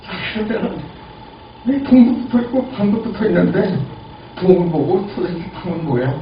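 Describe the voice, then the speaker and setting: A man in his eighties giving a lively lecture and asking the audience questions. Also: high-pitched, normal speed. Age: 80s. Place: lecture room. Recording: lo-fi, echoey, distant, noisy.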